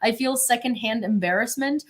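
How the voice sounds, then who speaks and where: A woman's voice: on the high side, normal speed. A young woman reads out news headlines and rambles between them on a home webcam. She talks casually and self-consciously, full of fillers and restarts. She sounds like she is alone at a desk in her bedroom. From Ukraine. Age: young adult. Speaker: independent journalist. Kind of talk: casual news livestream commentary.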